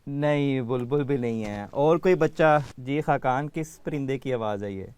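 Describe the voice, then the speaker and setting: A man's voice: mid-range voice, darkish tone, clear, resonant tone, no echo. A man hosting a children's education program, patiently calling on kids by name to answer quiz questions.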